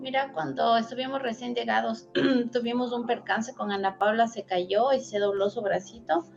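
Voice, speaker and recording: A woman in her thirties speaks in a measured way as an interview guest, clearing her throat now and then. Her voice sits a little high. The audio is slightly dull, with faint music. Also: steady tone. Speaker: immigrant guest, mother. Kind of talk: casual interview chat.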